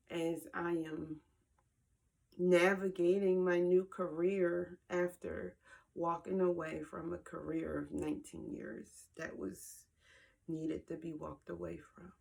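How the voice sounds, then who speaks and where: A woman speaking slowly and earnestly in a personal vlog, emotional and near tears, repeating words for emphasis, filmed on her own camera at home. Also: fairly low pitch, flat delivery, gravelly, darkish tone. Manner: slow, heartfelt, emphatic repetition. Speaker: vlogger. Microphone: handheld camera.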